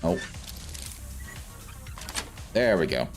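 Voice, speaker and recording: This South African man streams a game with a low-sitting voice that swings widely in pitch and moves extremely slowly. He chats casually and rambles, thinking aloud as he plays. Faint game music sits behind his commentary.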